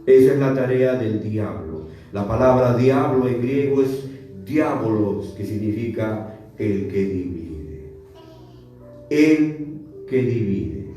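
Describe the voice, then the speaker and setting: A man's voice: medium pitch, dark tone. A man preaching a sermon as pastor, emphatic and repeating words for stress. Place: church. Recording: echoey church hall, mic far off, faint music.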